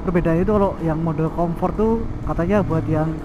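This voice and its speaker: A man's voice: a little high, a little fast, highs cut off. A young man vlogging casually while riding a motorcycle through city traffic, asking himself questions and answering them with slangy asides, recorded on a helmet mic. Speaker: motovlogger. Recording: helmet mic with loud engine and wind noise. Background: engine and traffic noise.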